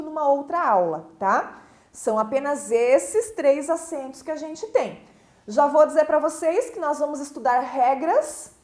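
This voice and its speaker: Woman, Brazilian Portuguese accent, teacher, high voice, echoey room. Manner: explanatory, checks in with tag questions. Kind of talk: recorded school lesson.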